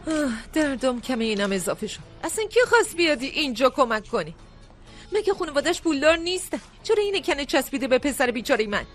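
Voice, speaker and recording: A woman dubbing a sharp-tongued middle-aged mother who runs a restaurant and scolds with heavy sighs. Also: sits high, lively intonation, faint music behind. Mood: scolding. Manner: scolding, sighing. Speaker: restaurant owner. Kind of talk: dubbed drama acting.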